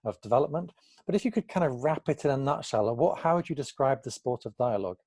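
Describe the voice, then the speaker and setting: A man's voice: medium pitch, lively intonation, fast talker, a little mellow, slightly rough, no room sound. A man hosting an interview, asking long, thoughtful questions that rephrase what his guest has said. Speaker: interviewer, host.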